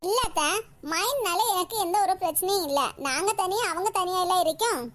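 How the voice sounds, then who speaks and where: A woman voicing a hurt young woman with a Kanyakumari Tamil accent, who talks haltingly and tearfully in an animated comedy cartoon. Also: very high-pitched. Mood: hesitant.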